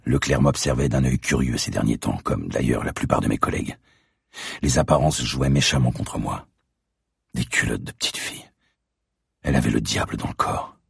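Really deep husky guy reading an audiobook, gravelly, dry close sound. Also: dry recording. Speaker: narrator. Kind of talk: audiobook narration.

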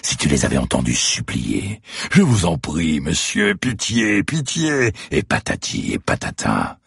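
A man voicing a young masked killer who talks in a slow, taunting, mocking way. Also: low-pitched, huge pitch swings, creaky, fairly bright tone, breathy edge, dry recording, clean studio sound, voice pushed up, heavily acted. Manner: sneering, taunting, slow and deliberate.

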